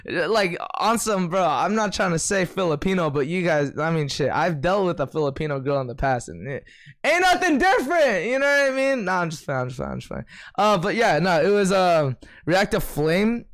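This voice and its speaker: A man's voice: high voice, animated, moderate pace, fairly bright tone. A young man livestreaming, telling a story in slangy, profane casual chat and reading viewer comments.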